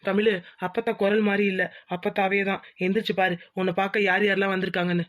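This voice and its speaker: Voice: mid-range voice, flat delivery, fast, a bit bright, lightly acted. A voice actor playing an earnest young village groom in a cartoon, explaining his plan. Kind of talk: cartoon voice acting.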